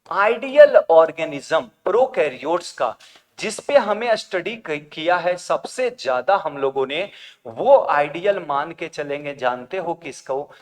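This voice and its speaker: A male teacher giving an exam coaching lecture, who asks the class questions, answers them himself and repeats key terms slowly. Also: high-pitched, in a large hall.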